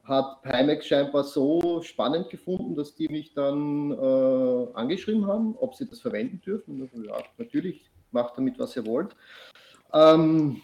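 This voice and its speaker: A man's voice: fairly high pitch, darkish tone, roomy sound. A man from Austria, a podcast guest telling a long story in casual chat, full of fillers and restarts.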